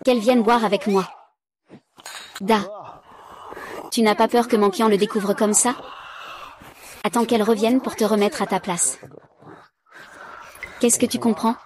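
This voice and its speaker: A woman reading all the parts of a dubbed drama recap in one flat, even voice. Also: medium pitch, a little slow, long pauses, crowd noise.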